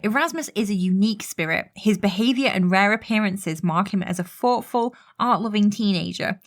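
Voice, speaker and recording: A woman podcast host reading game lore aloud in a chatty way, her voice going hoarse. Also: mid-range voice. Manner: chatty, quick to laugh.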